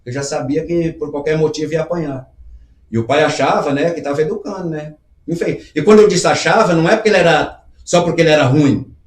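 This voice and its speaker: A man's voice: fairly high pitch, fast, echoey room. A middle-aged man hosting a live show, reading comments aloud and talking them through in an earnest, conversational way. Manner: earnest, conversational, acts out little dialogues.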